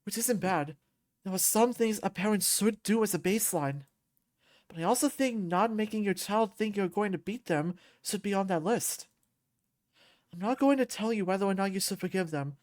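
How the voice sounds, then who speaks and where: Woman playing a soft-spoken male therapist. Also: mid-range voice, lightly acted. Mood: gentle. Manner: soft, soothing, slow and earnest. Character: gentle, caring male therapist.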